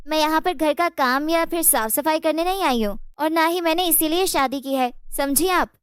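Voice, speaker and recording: A woman doing a shrill spoiled young bride. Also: moderate pace, no room sound, studio quality, lightly acted. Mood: bossy. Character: spoiled, lazy young daughter-in-law, rude and bossy. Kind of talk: cartoon storybook voice acting.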